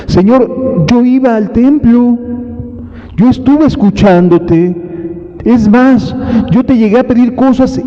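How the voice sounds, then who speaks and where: A preacher putting on a desperate pleading believer. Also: male voice, slow, long pauses, dark tone, long reverb tail, lo-fi sound. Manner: pleading, high-pitched and urgent. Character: desperate repentant believer begging the Lord, adult.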